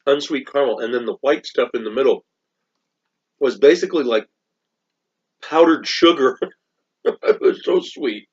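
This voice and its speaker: Casual male co-host, mid-pitched, chatty and analytical, talking with his mouth full; dull, lo-fi home audio. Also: moderate pace, long pauses, slightly rough. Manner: chatty, analytical, talks while chewing. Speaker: candy reviewer co-host. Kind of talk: casual chat.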